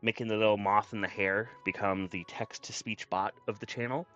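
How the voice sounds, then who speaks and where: A man's voice: on the low side, steady tone, a little fast, fairly bright tone, muffled recording. A man chatting casually on a livestream as a VTuber, effusive and grateful in manner. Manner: effusive, grateful, often thanking viewers. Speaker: streamer and VTuber. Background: background music.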